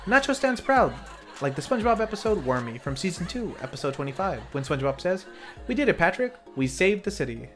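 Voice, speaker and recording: A man with a high voice and big pitch swings speaks briskly over background music. Hosting and narrating a retro lucha libre film review series, he reads a scripted recap full of playful, self-mocking commentary.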